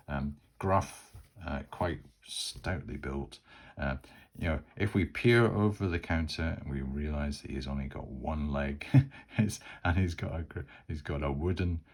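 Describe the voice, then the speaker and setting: A man's voice: extremely low pitch, husky. A Scottish man narrating a solo tabletop game, rambling and stopping often to restart his sentences. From Scotland. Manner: rambling, full of fillers and restarts. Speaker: solo game master and player.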